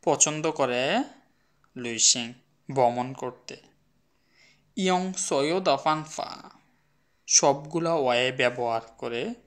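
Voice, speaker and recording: Slow, patient male language teacher. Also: mid-range voice, fairly bright tone. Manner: explains step by step, repeating words slowly with many questions. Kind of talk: spoken language lesson.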